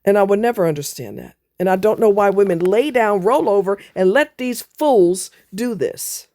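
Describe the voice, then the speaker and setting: A woman's voice: medium pitch, expressive, normal speed, mellow, no room sound. A woman in an angry opinion rant, swearing indignantly and repeating phrases for emphasis.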